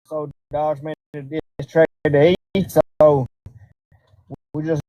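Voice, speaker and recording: A man's voice: fairly high pitch, flat delivery, takes it slowly, dry recording, dull audio. Laid-back man hosting a livestream. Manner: laid-back, slangy, directing the chat. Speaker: livestream host. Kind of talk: casual livestream chat.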